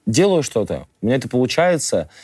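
A man's voice: mid-range voice, sing-song, fast, a little mellow, breathy edge, no room sound. A man guest in a radio studio interview, talking casually and emphatically, pushing his opinions hard. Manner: emphatic, opinionated, rants with rising force.

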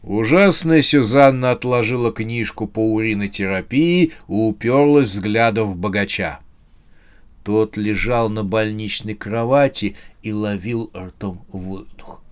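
Slow, smooth-voiced male narrator. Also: fairly low pitch. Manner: steady, measured storytelling. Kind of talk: audiobook reading of a comic horror novel.

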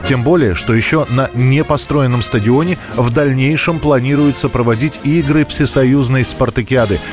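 A man's voice: medium pitch, normal speed. A man reading scripted history documentary narration with music playing behind him. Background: background music.

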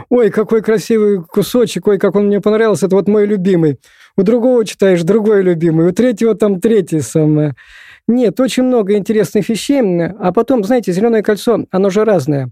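A man's voice: high voice, dark tone, no room sound, clean studio sound. A man in his sixties, a guest in a podcast interview, telling long rambling stories with lots of filler words. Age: 60s. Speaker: podcast guest, hiking expert. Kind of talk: casual interview chat.

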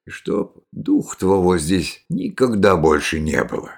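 A man's voice: low-pitched, very animated, measured pace, vocal fry, slightly rough, pitched below the performer's own voice, heavily acted. A man voicing a drunk, reckless young man who threatens in coarse slang, in a storybook reading. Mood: menacing.

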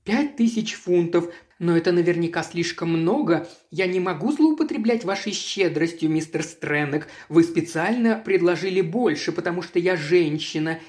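A woman's voice: sits low, lively intonation, unhurried, darkish tone. Reader voicing a sweetly innocent shrewd young lady. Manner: polite, sweetly innocent, composed. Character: young genteel woman, shrewd behind feigned innocence. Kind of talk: audiobook character voice.

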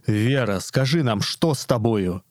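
A man's voice: medium pitch, lively intonation, a little slow, darkish tone, no echo, natural voice. A man voicing a stern elderly priest pleading with his daughter, in a dry, firm voice. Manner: pleading, then bitterly ironic. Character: stern elderly male village priest, a father.

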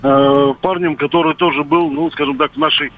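A man in his fifties calling into a radio show over a landline phone, telling his story haltingly with many pauses and filler sounds. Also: on the high side, fairly even intonation. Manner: hesitant, filled with "uh" pauses and hedging phrases. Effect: heard over a landline phone. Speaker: caller. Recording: tinny phone line, faint noise.

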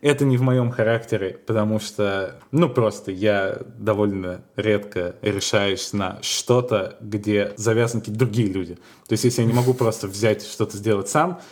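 A man co-hosting a podcast, chatting casually and telling stories in a musing, unhurried way with small hesitations. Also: lowish voice, steady tone, darkish tone. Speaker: podcast co-host.

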